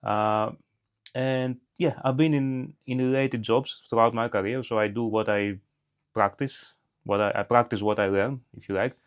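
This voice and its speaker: A man's voice: mid-range voice, fairly even intonation, moderate pace, clear, resonant tone. A middle-aged man from Greece, a podcast guest talking in an unscripted way, thoughtful and hesitant with many restarts. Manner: reflective, hesitant, frequent restarts.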